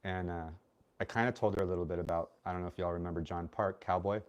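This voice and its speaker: A man's voice: sits low, fairly even intonation, fast talker. A man co-hosting a casual livestream chat, blunt and outspoken, rambling as he talks, with the hiccups. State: has the hiccups. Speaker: co-host.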